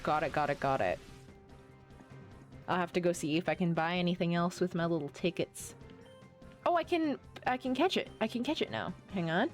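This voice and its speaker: A woman's voice: fairly low pitch, lively intonation, moderate pace, long pauses, faint music behind. A woman streaming a game, chatting casually, rambling and often gushing as she plays. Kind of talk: casual live-stream chat while playing.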